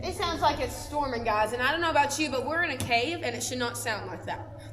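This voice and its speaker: A woman's voice: high voice, lively intonation, a little fast. A young woman giving a chatty, casual guided tour, speaking inside a cave with a long echo. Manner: chatty, addresses the group as guys. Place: inside a large cave, on a boat on an underground lake. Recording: echoing cave with long reverb.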